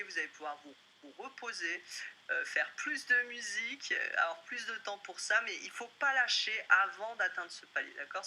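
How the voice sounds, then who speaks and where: A woman leads a webinar as a music business coach. Her voice is very bright and sharp, and she talks to her listeners in a direct, conversational way. A faint noise hums underneath. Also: medium pitch, poor audio. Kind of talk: webinar presentation.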